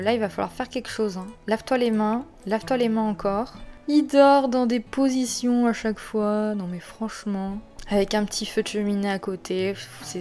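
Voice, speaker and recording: A woman's voice: mid-range voice, a little mellow. A woman hosting a let's play, chatting away and talking fondly to the characters in her game. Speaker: gaming channel host.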